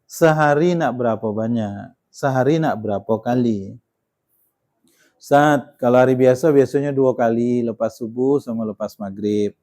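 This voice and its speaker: A man's voice: medium pitch, a little slow, warm tone. A man giving a Quran study sermon in a conversational way, often ending points with tag questions and pressing them with emphasis. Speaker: Islamic preacher.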